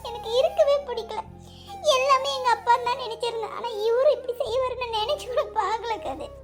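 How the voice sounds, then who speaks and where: Woman voicing Selvi, high-pitched anxious girl. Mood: tearful. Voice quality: very high girlish voice. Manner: fretful, pleading, quick to scold. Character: Selvi, shy anxious young village woman in love. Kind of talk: cartoon voice acting. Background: background music.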